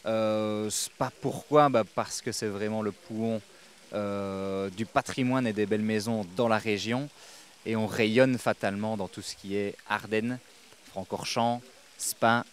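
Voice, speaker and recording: A man's voice: on the low side, a little hiss or hum. A young man answering interview questions outdoors into a handheld microphone, businesslike and hesitant, with many fillers. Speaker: real estate agent. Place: outdoors on a lawn.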